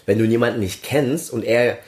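A man's voice: medium pitch, a little fast, darkish tone. A man, co-hosting a podcast in casual chat, joking and restarting his sentences. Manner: joking, talks in fits and restarts. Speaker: podcast co-host.

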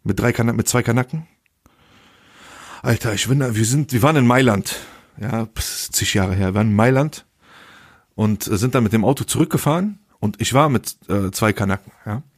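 A man's voice: fairly low pitch, a little fast, no echo, clean studio sound. A man co-hosting a casual podcast, telling an anecdote in slangy speech and acting out the voices of the people in it. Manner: slangy, animated storyteller acting out dialogue. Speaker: podcast co-host. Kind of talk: casual chat, anecdote storytelling.

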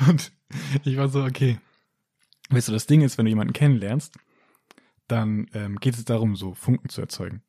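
Young male co-host, casual storyteller, acts out the people in his stories with big jumps in pitch, mid-pitched voice. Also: normal speed, long pauses, breathy edge, dry recording, clean studio sound. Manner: animated storyteller acting out quotes with jumps in pitch. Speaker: podcast co-host telling a story. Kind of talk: casual chat.

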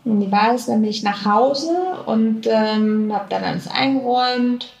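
A woman telling a personal story in conversation, halting and reflective, often searching for words. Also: on the high side, creaky, a little mellow, highs cut off. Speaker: interview guest. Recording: echoey room with faint noise.

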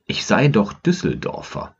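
This podcaster and blogger from Germany's Rhineland reads a scripted personal essay of his own, with an ironic, wry storytelling manner. His voice is lowish and husky, unhurried, with wildly swooping pitch, over dull audio.

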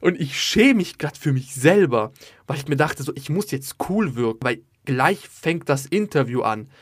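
Animated young man telling comic stories. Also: on the high side, moderate pace, no echo, studio quality. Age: 20s. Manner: animated, slangy, full of filler tags. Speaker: storyteller. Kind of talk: comedic storytelling to an audience.

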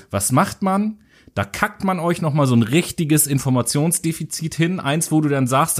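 A man co-hosting a casual educational show, speaking with sarcastic, mocking humor and crude jokes. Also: fairly high pitch. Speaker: co-host.

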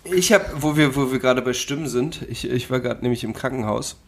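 A man's voice: mid-range voice, a little fast, vocal fry. Joking, self-mocking male guest. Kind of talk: casual chat.

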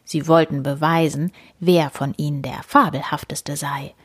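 A woman reading a children's story aloud as narrator, in a clear storytelling manner. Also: low-pitched, steady tone, unhurried, no echo.

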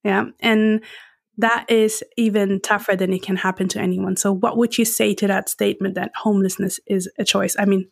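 A woman from Germany hosting a podcast, asking questions with searching restarts and soft affirming murmurs. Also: mid-range voice, level tone, moderate pace, gravelly, no echo, clean studio sound. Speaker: podcast host. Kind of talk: interview questions.

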